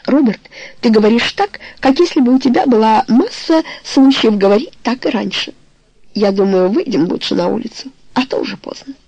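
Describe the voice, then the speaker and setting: A woman reading the lines of an eighteen-year-old girl in love, pleading one moment and teasing the next, in a husky, creaky voice. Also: a little high, moderate pace, a little mellow, dry recording, rough recording. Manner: pleading, then teasing and light. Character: passionate young woman, eighteen, playful lover.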